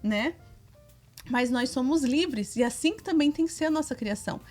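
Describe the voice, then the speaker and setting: Woman, 30s, high voice, animated parenting co-host over soft music. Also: normal speed. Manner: animated, acts out quoted dialogue with her children.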